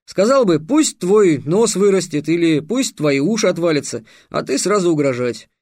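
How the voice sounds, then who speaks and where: A man's voice: fairly high pitch, expressive, normal speed, darkish tone, no room sound. A young mage in an audiobook, sarcastic and bold, lecturing with cool scorn in a slightly raised voice, read by a man. The sound is close and dry. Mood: mocking.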